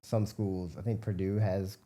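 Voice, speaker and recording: A biomedical researcher and entrepreneur from the American Midwest answers a casual interview as a guest. He speaks a little slowly in a lowish, very mellow, relaxed voice, and his informal replies wander while he explains things.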